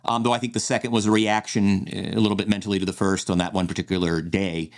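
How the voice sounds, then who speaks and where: Low-voiced man analyzing in rambling chat. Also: level tone, fast talker. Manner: rambling, many restarts and fillers. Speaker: podcast co-host. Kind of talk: casual chat, fantasy draft analysis.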